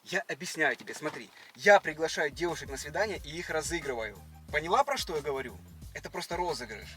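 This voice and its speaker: A man's voice: a little high, expressive, fast, a bit bright, soft background music. A man hosting a prank video, explaining casually and insistently, repeating himself as he talks inside a car. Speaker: prank video blogger, host.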